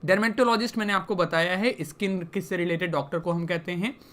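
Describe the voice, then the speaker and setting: A woman's voice: lowish voice, fairly even intonation, a little fast, a bit bright. A young woman teaching English vocabulary in a lesson, explaining each word and putting questions back to her students.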